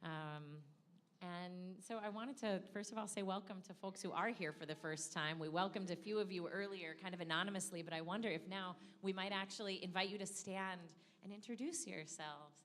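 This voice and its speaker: A woman's voice: lowish voice, a little fast. A woman leading a congregation, welcoming newcomers in an upbeat, chatty way with little laughs. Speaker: service leader. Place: packed indoor prayer space. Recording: loud crowd in the room.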